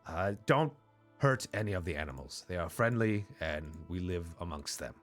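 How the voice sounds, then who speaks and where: A man's voice: sits low, expressive, normal speed, faint music behind, voice pushed down. A man voicing an eager, welcoming male goblin leader who speaks earnestly.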